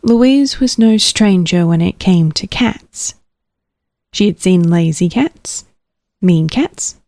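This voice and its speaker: With a fairly low, darkish voice, a woman reads a children's storybook aloud, playful in expression and slipping into whispers when the tension builds. The recording is clean studio sound with no echo.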